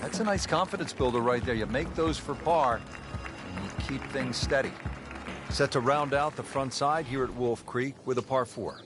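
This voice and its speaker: A man's voice: mid-range voice, normal speed. A man delivering polished play-by-play golf commentary. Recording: music and crowd behind voice. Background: music and crowd ambience.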